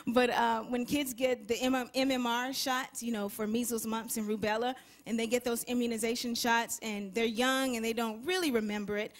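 A young woman speaking as a guest on a television talk show, earnest and softly enthusiastic. Her voice sits fairly high. She talks about her faith with warmth in her words. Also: level tone, normal speed, hardly any pauses. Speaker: gospel singer, interview guest.

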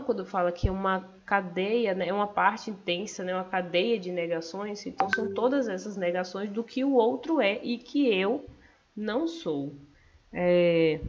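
A Brazilian woman student with a medium-pitched voice and a Brazilian Portuguese accent gives a class presentation over slides. She explains things step by step, with some hesitant fillers. The recording is dull and lo-fi, with a little hiss or hum.

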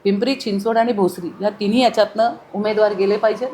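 A woman's voice: mid-range voice, steady tone, fast, warm tone, a little hiss or hum. A middle-aged woman, a former mayor, giving earnest, emphatic interview answers full of long lists of detail.

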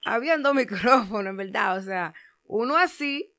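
A hoarse young woman, a music artist being interviewed, talking in a bashful, hedging way with many fillers. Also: fairly high pitch, expressive, moderate pace, sharp tone. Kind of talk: casual interview chat.

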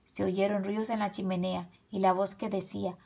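A woman slowly and expressively reading a children's folk tale aloud. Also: medium pitch, vocal fry. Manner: slow, expressive storytelling. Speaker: storyteller.

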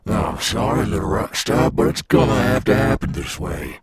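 A man playing a cool, swaggering animatronic alligator rockstar in an ASMR roleplay, gravelly and coaxing, as if talking to a child. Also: lowish voice, lively intonation, noisy background, lightly acted. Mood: resigned, menacing. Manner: slow, coaxing, addressing a child listener. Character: cool, swaggering male animatronic alligator rockstar guarding his golf course.

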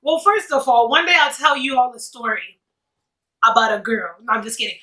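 A woman in her late thirties with a high, forceful bright voice talks casually to camera during a meal. She rambles playfully with plenty of sass. The room echoes around her. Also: expressive, fairly quick. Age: late 30s. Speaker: mukbang vlogger. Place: indoors, seated at a table. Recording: roomy echo, distant mic.

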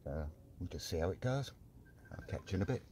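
A man in middle age talks his viewers through his fishing setup in a relaxed, chatty way. He is recording himself on a phone outdoors on a harbour pier. Wind and water noise sit clearly behind his voice. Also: deep voice, fairly quick. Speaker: fishing vlogger. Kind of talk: casual vlog to camera. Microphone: phone camera at arm's length.

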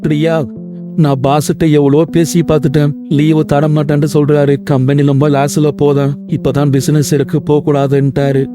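A man's voice: a little high, flat delivery, moderate pace, music in the background, close to an everyday voice. A man voicing a homesick young husband working abroad in a cartoon, earnest and pleading. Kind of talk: Tamil cartoon voice acting.

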